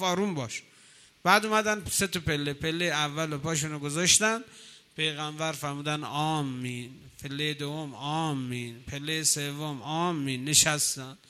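A man preaches a sermon in a bright, fairly high voice. He tells stories with feeling and chants Arabic verses. At times he drops into soft, pleading prayer.

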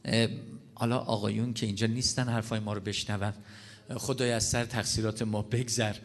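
A man's voice: on the low side, level tone. A man preaching a sermon to an audience, earnest and explanatory, addressing the listeners directly.

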